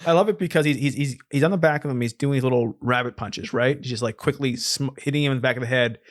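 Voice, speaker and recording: Fast-talking, with a mid-range voice, this podcast co-host riffs on films in a casual, comedic way. He tends to repeat himself when explaining and lets slip an occasional swear word.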